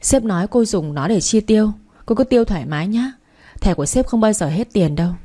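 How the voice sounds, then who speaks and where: A woman's voice: mid-range voice, expressive, a little fast, warm tone, lightly acted. Woman reading an easygoing young male assistant. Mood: matter-of-fact.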